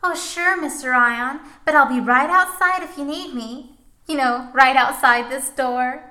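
Woman as a nervous young secretary, high bright voice, fussing over her boss. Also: unhurried. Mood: fretful. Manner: fretful and fawning. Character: eager, anxious young female temp secretary.

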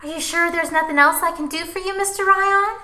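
A woman's voice: very high-pitched, fairly even intonation, fairly quick, sharp tone. An actress playing an eager, anxious young female temp secretary who fusses over her boss. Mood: fretful. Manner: fretful and fawning.

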